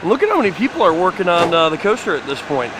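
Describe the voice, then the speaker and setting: A fairly high-voiced man talks excitedly while walking around an outdoor construction site, rambling and filling pauses with "uh". His voice is caught by a handheld camera, with faint traffic noise outside. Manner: enthusiastic, rambling with fillers. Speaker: fan site video host. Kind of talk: casual walking site tour.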